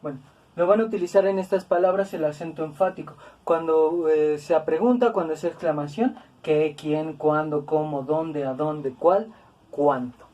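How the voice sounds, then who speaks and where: A woman's voice: sits low, normal speed, warm tone, recorded from a distance. A woman teaching a grammar lesson, patient and repetitive, with tag questions and fillers. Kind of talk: explanatory lesson.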